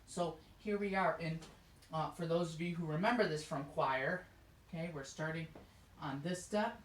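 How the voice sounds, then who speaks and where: A woman's voice: low-pitched, moderate pace, slight background noise. A woman teaching a children's music lesson, explaining each step in an encouraging way and singing short demonstrations. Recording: echoey room.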